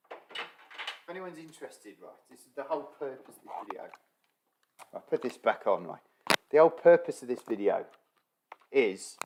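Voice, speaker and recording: A man's voice: fairly high pitch, noisy background. Swearing man grumbling over gameplay. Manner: chatty, swears often, grumbles at the game. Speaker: gaming streamer. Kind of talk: casual gameplay commentary. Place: bedroom. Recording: game music playing underneath. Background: game music.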